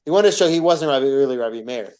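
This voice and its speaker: A man with a mid-range voice teaching a class, retelling an old story casually. He wanders through it with frequent restarts, self-corrections and asides to the listeners. His pitch sits in the middle for a man. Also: expressive, very fast, a little mellow. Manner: rambling, with many restarts and asides. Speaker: teacher of a class on rabbinic stories.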